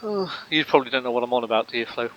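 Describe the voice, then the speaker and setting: A man's voice: mid-range voice, expressive, rapid-fire, fairly bright tone, lo-fi sound, slight background noise. A man commentating a sim race live, rambling with lots of fillers and joking banter with his co-host.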